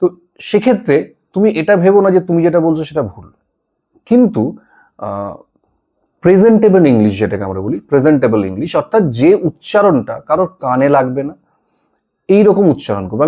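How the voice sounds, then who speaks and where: Male tutor, warm low-key tone, patient and reassuring lesson delivery. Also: very animated, brisk, long pauses. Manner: reassuring, repeats "ঠিক আছে?" to check in. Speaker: English tutor. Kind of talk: spoken English lesson.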